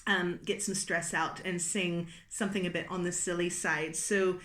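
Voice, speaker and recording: A woman leading a relaxed singing warm-up lesson, explaining exercises in an encouraging, chatty way and laughing off her own slips. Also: on the low side, moderate pace. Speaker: singing teacher. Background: piano.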